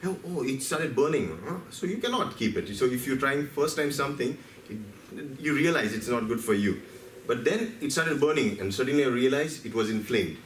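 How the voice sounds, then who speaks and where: In a meeting hall, a man from India delivers a seminar with an animated, brisk, mid-range voice, weaving in stories, putting questions to the crowd, and acting out his cells. Captured at a distance, the roomy hall carries faint ambience plus slight background noise.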